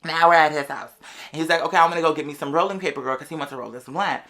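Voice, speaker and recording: In a casual monologue, a podcast host with a medium pitch shares a personal story with plenty of animation and attitude. She leans on slang, elongates words for emphasis, and talks to listeners like they're "girl."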